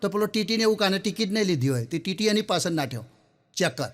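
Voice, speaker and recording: A high-voiced comedian races through his stand-up routine with expressive delivery. He tells joke stories, plays out the characters, and chats with the audience, calling them sir.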